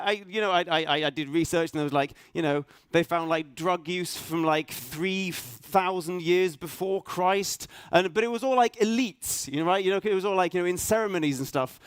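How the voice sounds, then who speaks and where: A middle-aged man, raised in Norway, speaking at a conference, halting and self-deprecating, full of restarts and fillers. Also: high-pitched, a bit bright, clear, resonant tone, no room sound. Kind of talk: hesitant conference talk. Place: conference hall stage.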